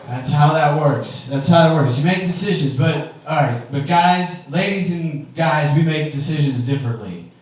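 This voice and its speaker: A man's voice: fairly high pitch, a little mellow. A man in his forties performing a stand-up set in a wry, conversational, punchy way. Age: 40s. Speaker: stand-up comedian. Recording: very echoey room, distant mic, faint ambience.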